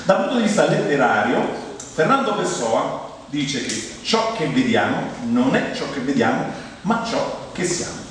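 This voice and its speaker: On a theatre stage before an audience, a middle-aged comic monologist from Rome, Italy, delivers a humorous theatrical monologue with a Roman accent. His voice is on the high side, conversational and expressive, with pauses for effect. The recording is noisy, with a distant mic in a very echoey hall.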